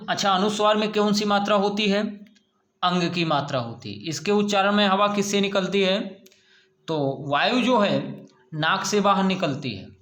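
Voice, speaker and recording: A teacher walks students through a grammar lesson, repeating each question and answer in a slow, deliberate rhythm. His voice sits high for a man. The recording carries a noticeable room echo. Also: a bit bright. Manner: slow, drawn-out words with question-and-answer drilling.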